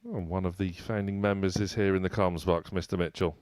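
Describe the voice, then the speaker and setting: A man's voice: low voice, fairly even intonation, fairly quick, darkish tone, a little hiss or hum. A man giving live darts commentary as the lead commentator, with polished, wordy phrasing.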